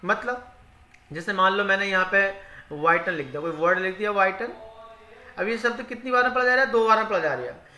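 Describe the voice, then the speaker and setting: A man's voice: high voice, fairly quick, pushed and bright, slight background noise. A male teacher who explains spelling rules. He repeats each rule in Hindi and asks questions that he then answers himself. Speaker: English teacher. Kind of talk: spoken grammar lesson. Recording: echoey room.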